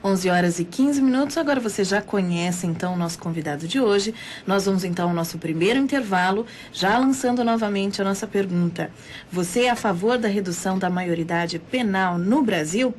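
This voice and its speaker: A woman's voice: mid-range voice, darkish tone, a little hiss or hum. A Brazilian woman hosting a live radio interview show, announcing the topic and contact details in an announcer-like way. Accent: Brazilian Portuguese. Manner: announcer-like, reads phone numbers and email slowly. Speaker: radio host. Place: radio studio.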